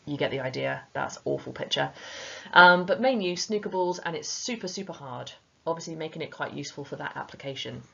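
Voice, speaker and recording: A woman with a low, gravelly voice talks through a revision lesson in a chatty, informal way, speaking right to her students. The recording sounds a little dull and lo-fi. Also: a little fast, bright, forceful tone, a little hiss or hum. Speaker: teacher.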